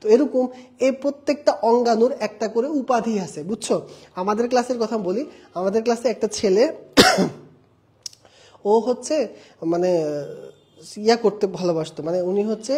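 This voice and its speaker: Mellow-voiced young male tutor drilling terms. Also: sits high. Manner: drills key terms by repeating them and quizzing students; explains with mnemonics and personal anecdotes. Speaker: exam-prep tutor. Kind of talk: online class lecture.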